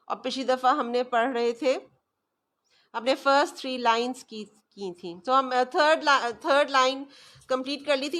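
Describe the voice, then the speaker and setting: A fairly high-voiced woman with a Pakistani Urdu accent gives a recorded recitation lesson. She explains each rule in a teacherly way, then draws the sounds out slowly so students can repeat after her. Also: sharp tone.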